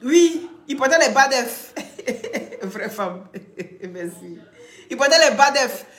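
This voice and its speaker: A woman with a head cold, ranting loudly on a live stream, teasing and scolding. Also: high voice, animated, takes it slowly, echoey room. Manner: talks loudly, teasing and scolding, often laughing. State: head cold, blocked ears. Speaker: live streamer and gossip commentator. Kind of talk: casual live-stream rant.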